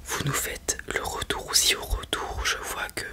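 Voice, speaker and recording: A person doing a whispered role-play as a polite, helpful librarian, in a breathy, unvoiced whisper close to the microphone. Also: normal speed. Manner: polite, helpful customer-service patter. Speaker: ASMR performer playing a librarian.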